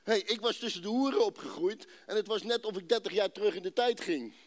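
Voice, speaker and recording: Man from Rotterdam, high voice, emotional church testimony with drawn-out dramatic pauses. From Netherlands, Rotterdam. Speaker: speaker giving a personal testimony. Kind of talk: emotional faith testimony to a congregation.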